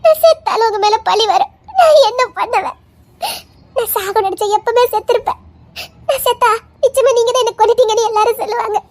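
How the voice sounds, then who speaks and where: A woman's voice: very high voice, animated, normal speed, a little mellow. A woman voicing a heartbroken young wife who cries and wails through her laments in an audio drama. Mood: weeping despair. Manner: sobbing, wailing laments. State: crying. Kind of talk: Tamil audio story acting.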